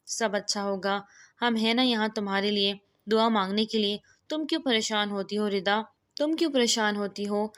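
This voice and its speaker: A woman's voice: medium pitch, fairly bright tone, close to an everyday voice. A woman reading the lines of a young woman comforting her friend in a storybook, soothing and reassuring.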